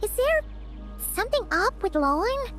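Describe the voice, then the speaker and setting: A tiny, inquisitive video game companion. The voice is extremely high and swings widely in pitch, over faint music. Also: female voice, big pitch swings, moderate pace, fairly bright tone, exaggerated voice. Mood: curious.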